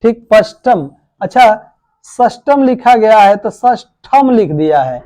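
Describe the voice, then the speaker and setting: A man's voice: high voice, sing-song, slow, warm tone, dry recording. A man teaching correct spelling for exams. He asks questions and answers them himself, and calls his students "babu" and "bhai". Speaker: coaching teacher. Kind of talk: exam-prep spelling lesson.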